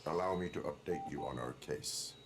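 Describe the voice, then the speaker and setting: An actor playing a stoic male cyborg police officer who speaks in terse, formal, deliberate sentences in a video game. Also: very deep voice, background noise. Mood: solemn, restrained.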